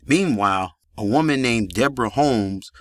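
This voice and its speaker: A male narrator reads a gritty crime story for an audiobook in an even, steady storytelling manner at normal speed. His mid-range voice is bright and crisp, recorded dry and close with no room sound.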